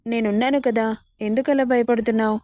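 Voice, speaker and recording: A woman voicing a gentle, affectionate middle-aged mother-in-law who soothes and reassures, read in her own voice for a storybook reading. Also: a little high, steady tone, brisk, no room sound, studio quality, close to an everyday voice. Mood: tender.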